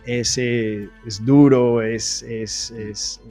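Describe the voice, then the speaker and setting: A man's voice: medium pitch, steady tone, very slow, mellow, soft background music. A man telling his personal testimony in an interview, earnest and full of restarts. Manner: earnest storytelling, frequent restarts.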